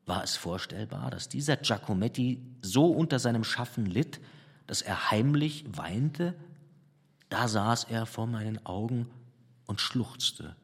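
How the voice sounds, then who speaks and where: A man with a husky voice reading a literary memoir aloud in a measured, reflective storytelling manner. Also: on the low side. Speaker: narrator. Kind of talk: audiobook narration. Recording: long hall reverb.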